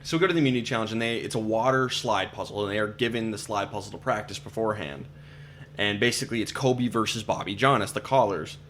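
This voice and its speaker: A man's voice: lowish voice, quick pace, slight background noise. A man hosting a casual podcast, leading the rundown of episode events. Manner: lively, leads the episode rundown. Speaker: podcast host. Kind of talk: casual recap chat.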